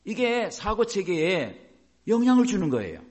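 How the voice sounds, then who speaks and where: A male pastor gives a sermon, frequently putting rhetorical questions to the congregation and acting out short dialogues in changing voices. His high-pitched voice is a little mellow, moves at a moderate pace, and swings hugely in pitch.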